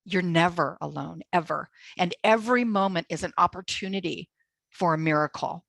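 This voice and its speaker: A woman with a fairly low voice who preaches to her listeners and speaks to them directly. She builds momentum by repeating short phrases again and again. The recording is close and dry. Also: moderate pace, vocal fry, fairly bright tone, no room sound. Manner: repetitive, rousing, addresses listeners directly. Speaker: Bible teacher and co-host. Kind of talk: preaching-style exhortation.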